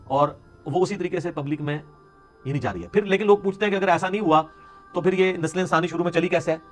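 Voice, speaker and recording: Man from pakistan, islamic scholar, fairly high voice, conversational lecture, faint music behind. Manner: explanatory, conversational with sarcastic asides and Punjabi interjections. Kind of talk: religious lecture.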